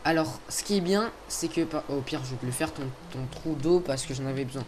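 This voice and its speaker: Chatty young man with slightly high voice. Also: fairly quick. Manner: chatty, hesitant, full of fillers. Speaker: video host. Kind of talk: casual gameplay commentary. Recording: faint background noise.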